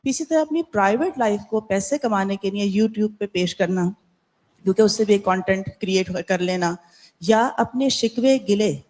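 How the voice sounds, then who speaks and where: A woman's voice: mid-range voice, darkish tone. A woman in a class giving critical, earnest commentary. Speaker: class participant. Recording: echoey room.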